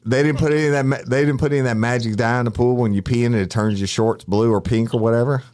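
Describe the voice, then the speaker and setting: A man's voice: mid-range voice, fairly even intonation, very fast, a little mellow. A man co-hosting a podcast, talking in a natural, unscripted way with boisterous, joking banter. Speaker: podcast co-host. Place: podcast studio.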